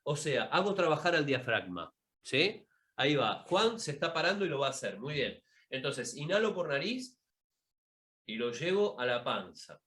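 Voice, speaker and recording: A man's voice: a little high, sing-song, moderate pace, a bit bright, breathy edge. A man teaching an online public speaking class, explaining breathing and demonstrating vowel exercises over a video call. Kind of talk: online masterclass with vocal demonstrations.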